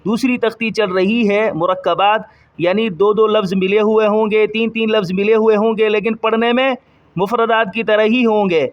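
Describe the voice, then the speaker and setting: A man's voice: high-pitched, fairly even intonation, dull audio. A man teaching children to read the Quran, drawing out each letter sound and repeating it for them to copy. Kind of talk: children's recitation lesson.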